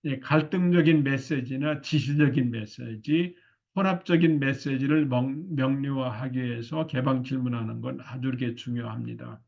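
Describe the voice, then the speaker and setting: A man delivers a lecture on couples' listening skills in a gravelly, rough-edged voice. He talks loosely and leans on constant fillers. The recording sounds dull and lo-fi. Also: medium pitch, fairly even intonation, normal speed, a little mellow. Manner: loose, filler-heavy lecturing with frequent "이렇게" and "어". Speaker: marriage counseling lecturer.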